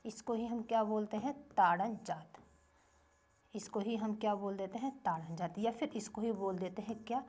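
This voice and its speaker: A woman's voice: medium pitch, normal speed, a little mellow. Woman teacher drilling a grammar lesson. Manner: repeats questions and answers them herself in drilling rhythm. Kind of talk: Hindi grammar lesson for children.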